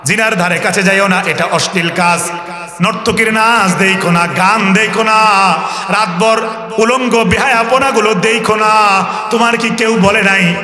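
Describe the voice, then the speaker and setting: A high, bright-toned male preacher, giving a sermon in a sing-song chant. His delivery swings between ringing cries and hushed asides. The sound carries a long hall reverb over a public-address system. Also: steady tone, a little slow. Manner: chants Quranic verses melodically, swings from loud cries to low asides. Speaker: Islamic preacher.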